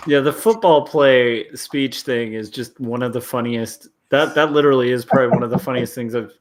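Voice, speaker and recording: A man's voice: medium pitch, moderate pace. Co-host, a man with a medium voice, casual short replies, faint hiss behind. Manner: brief, amused reactions. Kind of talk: casual chat.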